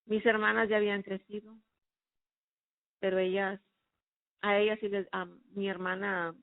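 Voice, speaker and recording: A woman's voice: mid-range voice, little pitch movement, moderate pace, no room sound. Woman, personal testimony, earnest and emotional, tinny phone-like sound, dry. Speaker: person giving a faith testimony.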